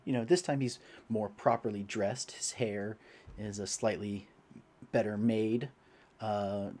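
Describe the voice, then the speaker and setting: A man's voice: medium pitch, a little mellow. A young man narrating as game master, rambling with many fillers.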